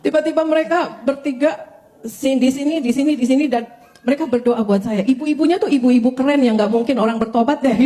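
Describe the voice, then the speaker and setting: An older woman, a pastor, telling her conversion story to a congregation with lively storytelling and frequent direct address to her listeners. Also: high-pitched, a little fast. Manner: animated storytelling, often addressing listeners as brothers and sisters. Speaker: pastor giving a testimony. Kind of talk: testimony sermon to a congregation.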